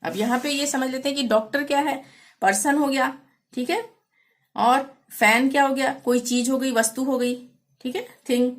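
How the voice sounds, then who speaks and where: A woman teaching English grammar, patiently repeating example words and sentences slowly for her pupils. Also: high voice, fairly even intonation. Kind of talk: explaining a grammar lesson.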